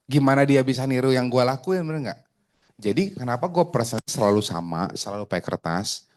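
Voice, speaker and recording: Joking insurance sales trainer. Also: male voice, medium pitch. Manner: joking, chatty, asks the room questions. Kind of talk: casual training talk to a group.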